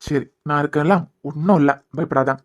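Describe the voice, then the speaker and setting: A man's voice: fairly high pitch, brisk, natural voice. A man with a Kanyakumari Tamil accent voicing an affectionate young husband in a cartoon web series, teasing and reassuring.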